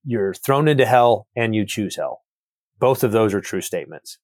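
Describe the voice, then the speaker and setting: Reflective man with a low voice, dry sound. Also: expressive, moderate pace, darkish tone, no echo. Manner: thoughtful, repeats words while building ideas. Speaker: author and guest. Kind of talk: reflective theological conversation.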